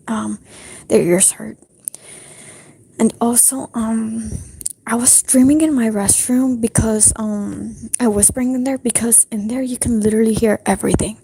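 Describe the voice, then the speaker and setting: A young woman livestreaming in a breathy whisper, rambling casually with lots of fillers from her apartment restroom. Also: medium pitch, mellow. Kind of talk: whispered casual stream chat.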